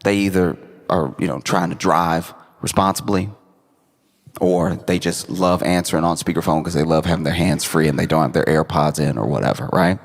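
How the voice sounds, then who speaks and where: A man telling stand-up comedy stories to a live audience in a conversational way, often repeating phrases haltingly for emphasis. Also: low-pitched, steady tone, gravelly. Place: live venue on stage. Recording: echoey hall with audience noise.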